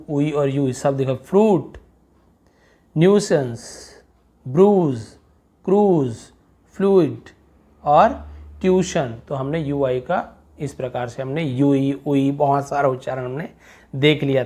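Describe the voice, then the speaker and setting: A man giving an online phonics lesson, explaining English vowel sounds and stressing each example word aloud. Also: a little high. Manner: reads example words aloud louder, explains in chatty asides. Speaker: English pronunciation teacher.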